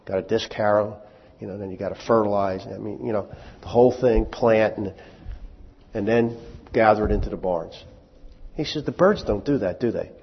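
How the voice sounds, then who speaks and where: A man's voice: fairly low pitch, vocal fry, slightly rough. A man preaching a sermon in a conversational way, asking the congregation rhetorical questions and lifting his voice when he quotes scripture. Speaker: pastor. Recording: dull lo-fi audio with long hall reverb.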